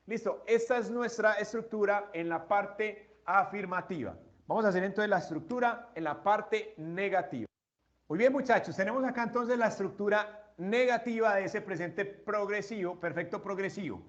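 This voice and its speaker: A man's voice: high voice, moderate pace, fairly bright tone, lo-fi sound. A man teaching an English grammar lesson, explaining step by step and asking his students questions.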